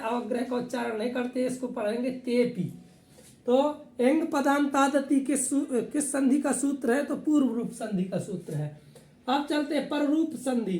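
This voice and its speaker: Brief: female grammar teacher, high mellow voice, patient and repetitive, roomy echo. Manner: patient, repeats rules and asks them back as questions. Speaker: Sanskrit teacher. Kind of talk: classroom explanation.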